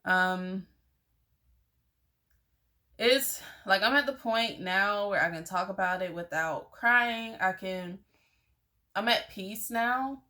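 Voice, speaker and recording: A young adult vlogger tells her viewers a personal story in a medium-pitched, pushed and bright voice, going slowly and pausing often. Her tone is candid and chatty, peppered with "like" and "y'all."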